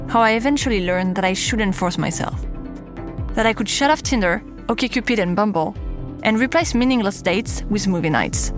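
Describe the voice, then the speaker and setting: A woman in her thirties with a French accent, host of a podcast, telling her own story in candid scripted narration. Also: mid-range voice. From France. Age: 30s.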